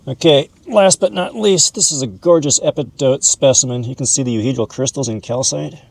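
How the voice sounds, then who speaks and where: The recording is low quality, carrying a man's gravelly, mid-range voice at a fairly quick clip. He's a mineral hobbyist educator hosting a casual educational video, showing and explaining things folksily and calling objects "this guy."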